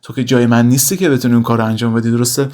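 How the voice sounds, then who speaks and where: Man teaching phrases slowly, then briskly. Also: medium pitch, little pitch movement, darkish tone. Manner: says English phrases slowly and deliberately, then explains briskly; addresses the students as "kids". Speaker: English teacher. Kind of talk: language lesson, explaining in Persian.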